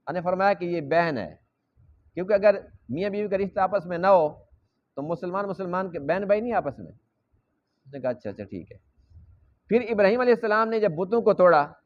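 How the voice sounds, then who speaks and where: High-voiced male preacher, lo-fi. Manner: explains by repeating phrases and acting out dialogue. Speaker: mosque preacher teaching Quran. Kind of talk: Quran lesson sermon. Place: mosque.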